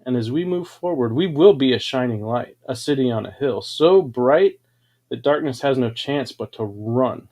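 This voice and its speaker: A man's voice: medium pitch, expressive, normal speed, darkish tone. A man hosting a livestream, telling grand, boastful stories in a dramatic, preachy way. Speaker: livestream host. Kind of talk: grandiose motivational storytelling.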